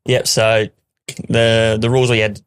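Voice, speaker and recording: An easygoing Australian man chatting as a podcast guest, often chuckling and pausing on fillers. His voice sits a little low. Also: level tone, clean tone. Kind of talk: casual chat.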